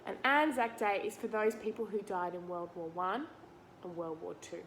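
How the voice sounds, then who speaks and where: A read-aloud teacher reads a picture book to children, explaining it simply and asking the listener questions. Her medium-pitched voice is steady and fairly bright at a normal speed, with slight background noise.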